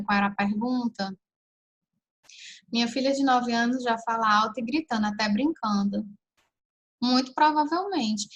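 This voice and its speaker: A woman with a somewhat high voice hosts a relaxed live chat. She answers viewers' questions and gives parenting advice, speaking right to her audience in a chatty, practical way. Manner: chatty and advice-giving, often addresses listeners directly. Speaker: parenting live-stream host.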